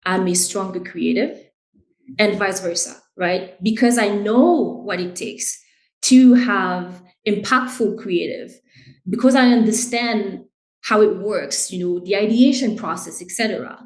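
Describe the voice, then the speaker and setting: A woman's voice: mid-range voice, a little slow, roomy sound, poor audio. A woman who grew up in Haiti, the guest in an interview, explaining her work in an earnest, conversational way. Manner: earnest, explains with "right?" and "you know". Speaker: guest, brand director.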